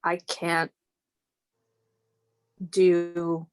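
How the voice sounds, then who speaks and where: A woman speaking tentatively and reflectively as a client in a quiet spiritual consultation, halting between phrases. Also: fairly low pitch, completely flat delivery, clean tone. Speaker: client in a channeling session.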